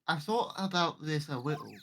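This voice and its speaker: Casting: a woman as an innocent, formal little girl of eight, bright-toned, lowish pitch, game dub. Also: animated, moderate pace, slight background noise. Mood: earnest. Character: polite earnest eight-year-old girl. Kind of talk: fan voice-over of a game.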